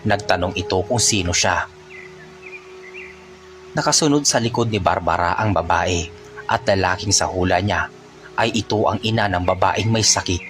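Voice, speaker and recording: Male storyteller, very deep voice, even pace, faint music bed. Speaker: narrator. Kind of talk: storytelling narration.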